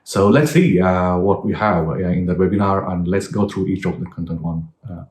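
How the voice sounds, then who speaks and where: A man with a very low voice hosts an introduction to a webinar clip. He speaks haltingly, with many fillers. His voice sounds re-recorded through a speaker, with a roomy echo around it. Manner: hesitant, with frequent filler sounds. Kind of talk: unscripted spoken introduction.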